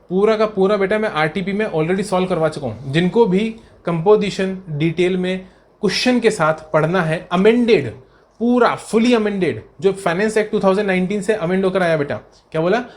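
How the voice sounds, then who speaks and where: A man teaching an exam revision lecture, calling students beta and sahab, asking and answering his own questions and reading English question text slowly word by word. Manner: lively teacher voicing imagined student replies in a lower, softer tone.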